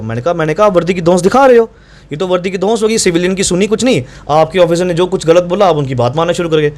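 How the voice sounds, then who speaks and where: A man telling a reporter about his run-in with police, insistent and acting out both sides of the exchange. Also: high voice. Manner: fast, insistent, reenacts dialogue. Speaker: doctor recounting incident to reporter. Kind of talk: animated first-person account.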